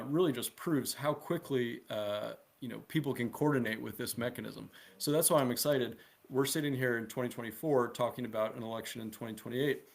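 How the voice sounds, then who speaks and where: A man talks through his ideas in an earnest, persuasive way at a middling pitch. He keeps it conversational and often tags his points with a quick "right?". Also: creaky. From United States. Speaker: guest promoting a political DAO. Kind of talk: casual discussion.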